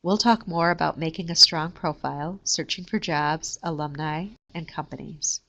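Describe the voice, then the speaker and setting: A woman reading a scripted careers lesson in a steady, measured way. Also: low-pitched, gravelly. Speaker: career services presenter. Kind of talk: scripted instructional narration.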